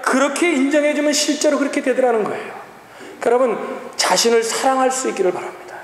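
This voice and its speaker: High-voiced preacher in an echoing hall. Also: male voice. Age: 40s. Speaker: pastor. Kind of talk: sermon. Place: large church hall. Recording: echoey hall, long reverb.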